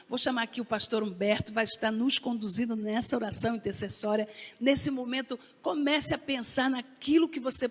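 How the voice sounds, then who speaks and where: A woman leading a church service, guiding and encouraging the congregation before prayer. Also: a little high. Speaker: service leader. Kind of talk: church announcements and prayer guidance. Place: church sanctuary. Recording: long church hall reverb.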